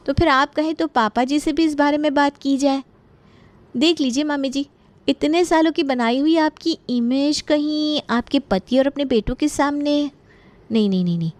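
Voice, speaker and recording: A woman's voice: sits high, a little mellow, dry recording, voice pushed up, close to an everyday voice. A woman voicing a clever, cheeky young daughter-in-law with a sly, teasing manner.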